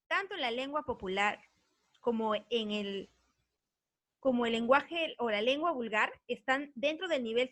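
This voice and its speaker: Bright woman teaching grammar. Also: sits high, no echo. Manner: earnest, explains patiently, checks understanding with frequent tag questions. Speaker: language teacher. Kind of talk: recorded online grammar lesson.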